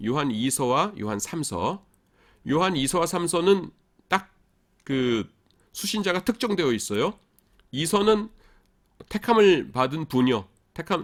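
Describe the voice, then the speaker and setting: Lively-pitched male professor lecturing. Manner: explanatory, asks the class rhetorical questions; casual fillers and self-corrections. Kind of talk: recorded university lecture.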